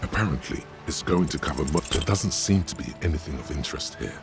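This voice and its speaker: Super deep gravelly guy reading game text out loud, trips over words, game music playing. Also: expressive, a little fast. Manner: stumbling, restarting reads. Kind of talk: reading a game's narration aloud.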